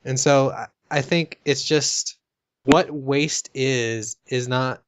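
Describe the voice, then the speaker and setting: An American man co-hosting a casual podcast chat, easygoing and quick to laugh, talking in long musing turns. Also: mid-range voice, steady tone, smooth. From United States. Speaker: co-host.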